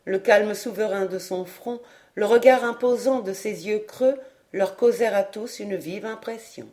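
Woman reading an audiobook aloud. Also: mid-range voice. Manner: measured, expressive reading. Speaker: audiobook reader. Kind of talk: audiobook narration.

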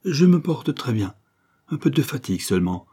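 A reserved, proud young son, still weak from a wound, answers evasively and pleads to drop the subject, as a male reader puts him on. The voice stays dark and husky, slightly raised. He is a storybook figure. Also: medium pitch, sing-song, moderate pace, pitched above the performer's own voice.

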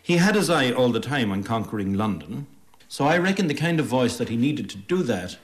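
An Irish man answering interview questions on the radio in a thoughtful, articulate way, with pauses. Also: mid-range voice, big pitch swings. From Ireland.

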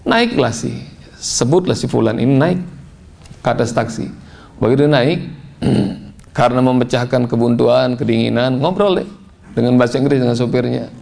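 A man giving a sermon, telling a story in an animated way and rising to high, emphatic tones when quoting. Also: normal speed, creaky, long pauses. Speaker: preacher.

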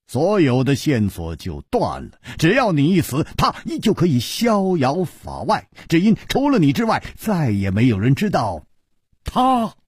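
A man's voice: mid-range voice, slightly rough, no echo, studio quality, full character voice. A man voicing a bold young male hero who exclaims and presses questions urgently.

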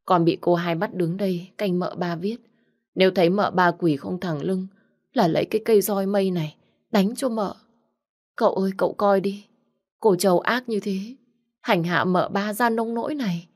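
A woman voicing a young female servant girl who pleads and tattles in a high, complaining voice, in a storybook reading. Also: normal speed, a little mellow, lightly acted. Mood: tearful. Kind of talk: storybook narration.

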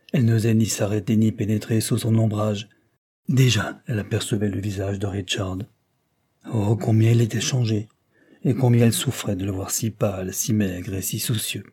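A man narrating a classic novel as an audiobook reader, in a measured storytelling manner. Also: lowish voice, warm tone, breathy edge. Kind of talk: scripted narration.

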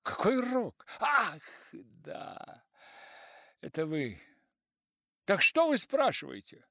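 A man's voice: sits high, big pitch swings, takes it slowly, bright, forceful tone, no echo, studio quality, pitched above the performer's own voice, full character voice. A man voicing an irritable older professor who snaps scornfully. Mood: irritated. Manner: snappish and scornful.

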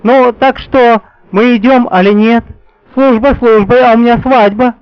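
A man's voice: very high-pitched, steady tone, unhurried, clear, resonant tone, dry recording, muffled recording, pitched above the performer's own voice. A male narrator voicing a playful young woman, a bride who teases with a purring manner. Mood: teasing. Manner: teasing, purring.

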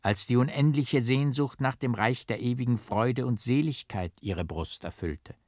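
A man voicing a soft, serene dying young woman. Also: mid-range voice, moderate pace, no echo, studio quality, natural voice. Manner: soft and quiet.

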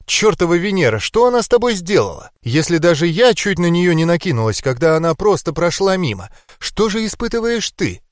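A man voicing a blunt, worried female bodyguard who chatters rapidly and apologetically in an audiobook. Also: lowish voice, sing-song, no echo, studio quality, voice pushed up.

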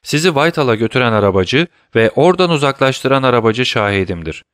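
Bir erkek okuyucunun canlandırdığı alaycı, soğukkanlı ve buyurgan bir dedektif, sesli kitapta biraz yükseltilmiş bir tonla konuşuyor. Sakin ama iğneleyici, karşısındakine üstten bakan bir üslubu var. Kayıt kuru ve yankısız. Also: male voice, medium pitch, quick pace, smooth, no room sound, studio quality, voice pushed up, lightly acted. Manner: calm, teasing, commanding. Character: cool, mocking male detective, middle-aged. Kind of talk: audiobook character voice.

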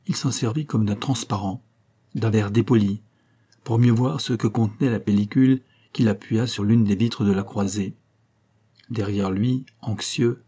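A man narrating a detective novel audiobook in a steady, even storytelling manner. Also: on the low side, breathy edge.

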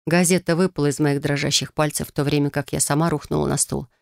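A narrator reading a first-person romance novel in an even, measured storytelling manner. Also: medium pitch, creaky, no room sound, studio quality.

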